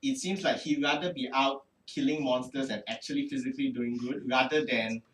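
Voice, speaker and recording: A man's voice: mid-range voice, steady tone, fairly quick, fairly bright tone. A man narrating as game master of a tabletop game, hesitant and full of fillers. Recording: roomy, distant mic.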